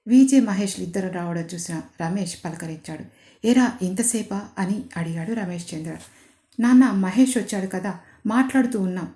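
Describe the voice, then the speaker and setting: A woman's voice: dark tone, roomy sound. A woman narrating a romantic audio story, lifting her voice for each character's dialogue. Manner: lifts pitch and volume for quoted dialogue. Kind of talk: scripted narration voicing all characters.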